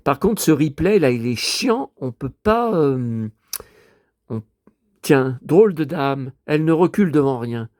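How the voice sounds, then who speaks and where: A man's voice: a little high, animated, unhurried, a little mellow, dry recording, studio quality. A man vlogging casually to his viewers, rambling and muttering with mild swearing as he talks from home in front of a TV.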